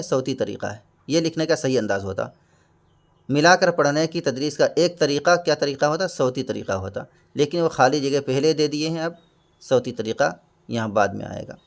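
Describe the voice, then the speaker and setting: A man teaching exam prep, going through each question patiently and glossing every term with a simpler word. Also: fairly high pitch. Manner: patient, repeats and glosses terms.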